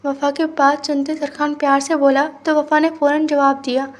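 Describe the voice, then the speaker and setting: High, level-voiced woman reading a novel. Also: little pitch movement, moderate pace. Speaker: novel reader. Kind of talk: storybook narration of a romance novel.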